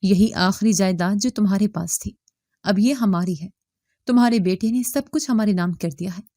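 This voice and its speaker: Story figures: rough demanding debt collectors, dark dry read, woman narrator voicing them. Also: mid-range voice, no echo, natural voice. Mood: threatening. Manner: demanding, mocking. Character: rough threatening male creditors at a door.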